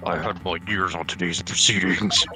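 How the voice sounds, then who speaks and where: A man voicing a menacing hidden male villain on a phone call, his voice disguised by a voice changer, calm and taunting. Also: low voice, normal speed, over music, pitched below the performer's own voice. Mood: coldly taunting. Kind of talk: fan voice acting while playing a game.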